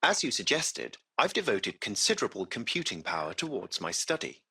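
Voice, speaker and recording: A male AI cab driver from a video game speaks with a fairly low, gravelly, creaky voice that is crisp-edged, forceful, and exaggerated, yet impeccably courteous. His brisk delivery is formal and precise with a lively, varied melody. Polite, studious, curious, and butler-like, he chooses his words with care.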